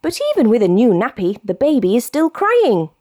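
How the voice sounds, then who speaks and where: Expressive British woman reading a storybook. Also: a little high, normal speed, dry recording, clean studio sound. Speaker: storybook reader. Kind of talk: children's bedtime story read-aloud.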